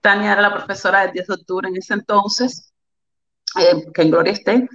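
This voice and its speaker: A woman's voice: mid-range voice, fairly even intonation, moderate pace, a bit bright. A woman with a Cuban Spanish accent tells her life story as an interview guest. She speaks candidly and with feeling, often repeating phrases for weight. Her mid-range voice comes through a slightly dull, lo-fi recording. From Cuba. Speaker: interview guest, volleyball player.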